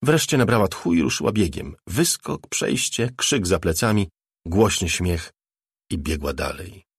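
A man reading a novel aloud as an audiobook narrator, in a measured, even delivery. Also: low-pitched, breathy edge, dry recording, studio quality. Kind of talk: scripted narration.

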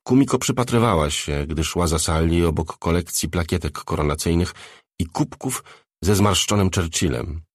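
A man narrating an audiobook in a measured, expressive reading. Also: deep voice, no room sound, studio quality. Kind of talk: scripted narration.

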